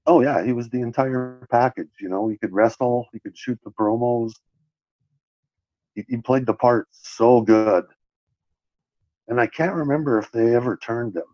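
A man's voice: mid-range voice, normal speed, no echo. A man co-hosting a podcast, chatting casually and agreeably, often restarting his sentences. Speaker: podcast co-host. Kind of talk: casual wrestling chat. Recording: dull, dry lo-fi sound.

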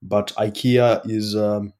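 Low, flat-voiced Kenyan man. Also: slow. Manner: hesitant, many restarts and fillers. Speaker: startup founder guest. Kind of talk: casual podcast interview.

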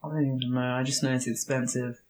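Young London woman, mid-low conversational voice. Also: little pitch movement, fast, a little mellow. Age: young adult. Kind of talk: casual chat, reacting and commenting.

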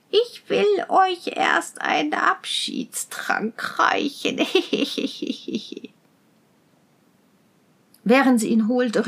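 A woman reading a fairy tale aloud in a measured, gentle manner. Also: high-pitched. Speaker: storyteller.

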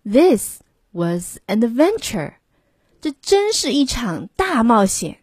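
A woman reads a children's storybook aloud at an unhurried pace, in a slightly breathy voice. Her pitch rises and falls a lot, with a lively sing-song lift, and the recording is close and dry. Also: no echo. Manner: gentle, lively storybook reading with voices for the characters. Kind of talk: bilingual picture-book reading.

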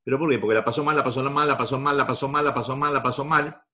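A man's voice: medium pitch, fairly even intonation, rapid-fire, bright, forceful tone. A man with a Rioplatense Spanish accent giving a repetitive, emphatic talk to a live audience. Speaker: motivational speaker.

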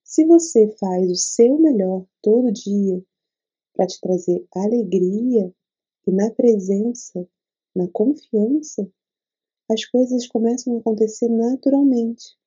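A Brazilian woman leading a spiritual talk and guided meditation, speaking in an unhurried, soothing way with pauses between short phrases. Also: fairly high pitch, warm tone, breathy edge, dull audio.

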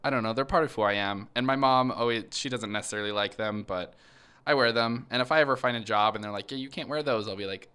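A man's voice: on the low side, fast, bright, forceful tone, clear, resonant tone. A young man co-hosting a podcast in casual chat, rambling with lots of fillers. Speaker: podcast co-host.

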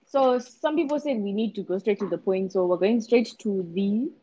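A woman's voice: mid-range voice, normal speed, warm tone. Laid-back Zimbabwean woman, slightly muffled. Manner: laid-back, rambling with many fillers. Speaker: podcast co-host. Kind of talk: casual chat.

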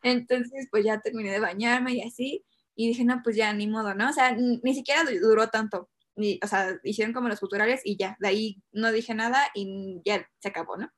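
A woman's voice: on the high side, fairly even intonation, fairly quick. A young woman with a Mexican Spanish accent telling a personal story in casual chat, hesitant, with many fillers and nervous laughs.

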